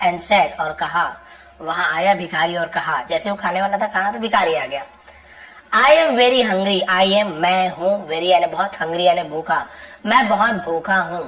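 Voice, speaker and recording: A woman teaching an English lesson, reading each English phrase slowly and then explaining it word by word. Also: medium pitch, a bit bright, rough recording. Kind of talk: spoken English lesson in Hindi.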